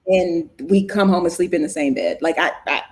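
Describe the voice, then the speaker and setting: A woman co-hosting a casual chat podcast, animated and colloquial, often restarting her sentences. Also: on the low side, normal speed. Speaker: podcast co-host.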